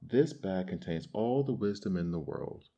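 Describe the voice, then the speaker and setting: A man's voice: low-pitched, lively intonation, moderate pace, mellow. A man voicing a solemn sky god.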